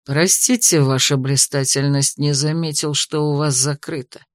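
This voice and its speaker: A woman voicing a cold, sardonic male royal investigator, speaking low in a venomous drawl in an audiobook. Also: lively intonation, a little slow, no room sound, clean studio sound.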